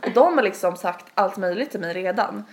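A woman's voice: medium pitch, expressive, a little mellow. A young woman tells a long story in casual podcast chat. She rambles, stacks fillers and acts out quotes as she goes. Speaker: podcast host.

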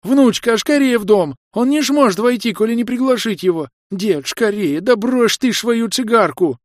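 A man voicing a fussy, fretful old village grandmother who wails in a shrill, folksy way. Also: big pitch swings, measured pace, dry recording, studio quality. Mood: panicked.

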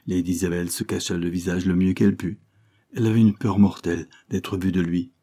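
A man narrating a classic novel as an audiobook, in a measured literary reading. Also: deep voice, flat delivery, warm tone. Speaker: audiobook reader. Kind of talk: scripted narration.

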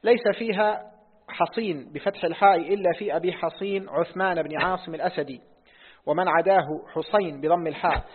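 A man's voice: sits high, husky. A man reading a classical text aloud to his teacher in a lesson, repeating lines when asked. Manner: reads quickly, repeats lines on request. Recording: tinny phone-like audio in a reverberant hall.

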